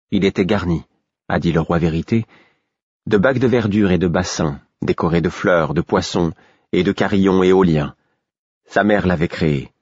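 Deep husky male audiobook narrator. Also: dry recording. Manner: measured, even reading. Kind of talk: scripted first-person literary narration. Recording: dull, dry lo-fi recording.

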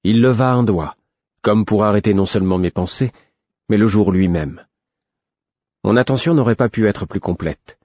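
A man narrating a story in the first person, with measured, literary scripted storytelling. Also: on the low side, darkish tone, no echo, dull audio.

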